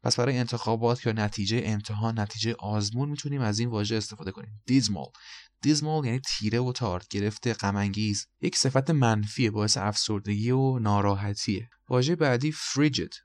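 Low-voiced Persian man teaching vocabulary. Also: no echo. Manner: explains each word slowly, spells words letter by letter, repeats pronunciations. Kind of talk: recorded vocabulary lesson.

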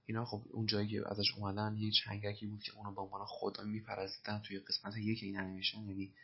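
A man with a low, gravelly, husky voice walks through film lines as an English lesson, repeating phrases and spelling words out letter by letter. The recording is dull and lo-fi. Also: completely flat delivery. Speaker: English teacher. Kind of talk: explaining film dialogue in a language lesson.

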